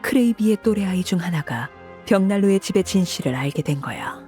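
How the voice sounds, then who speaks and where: In scripted video game voice acting, an actress plays a cold, composed harbinger, a commanding woman recounting a grim past. Her mid-range voice is expressive yet lightly acted, measured, detached and authoritative, with a somber mood. Soft music plays underneath.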